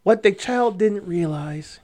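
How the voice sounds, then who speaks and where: Animated man telling a lively story. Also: high voice, slow pace. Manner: animated storyteller, acts out shouting and voices in the telling. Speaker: podcast co-host. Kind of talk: casual storytelling chat.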